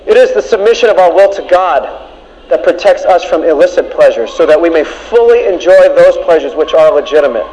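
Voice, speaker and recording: A male preacher delivers a sermon, driving his points home by repeating them. His voice sits fairly high, and the recording is dull and lo-fi. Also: animated, fairly quick, darkish tone. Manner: emphatic, repeats key lines.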